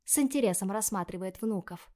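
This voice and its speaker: A woman reading first-person scripted narration in a measured, expressive way. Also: medium pitch. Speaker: audiobook narrator.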